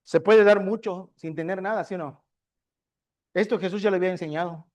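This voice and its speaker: This fairly high-voiced male preacher leads a discipleship class like a sermon, repeatedly asking the congregation rhetorical questions before supplying the answers. He speaks briskly in a steady tone.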